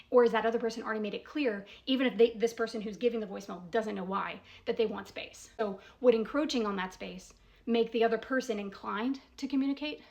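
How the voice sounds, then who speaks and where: This commentator is a woman with a gravelly, medium-pitched voice. She breaks down a voicemail in a relaxed spoken analysis, building her case step by step with emphasis, and she leans on probing rhetorical questions and repeated "right?" check-ins.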